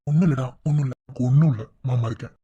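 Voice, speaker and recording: A man's voice: medium pitch, racing, muffled recording, over loud music, close to an everyday voice. A man voicing a young son-in-law in a cartoon, soothing and reassuring but firm when he has to be. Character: young son-in-law, calm and protective, stern when needed. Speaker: son-in-law comforting the family.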